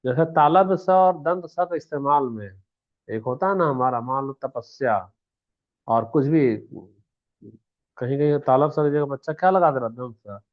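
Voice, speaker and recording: A man's voice: medium pitch, a little slow. A man teaching an exam-prep lesson, who poses questions to the class and answers them himself. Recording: tinny phone-like sound.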